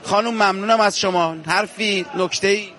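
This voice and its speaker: A male field reporter with a slightly raised pitch speaks with fervent emphasis, turning from the camera audience to the families he meets. He stays outdoors among walking pilgrims, and his delivery is firm and heartfelt. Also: fairly even intonation, sharp tone. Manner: fervent, emphatic, addresses viewers directly. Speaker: on-location reporter. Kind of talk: street interview on a pilgrimage walk.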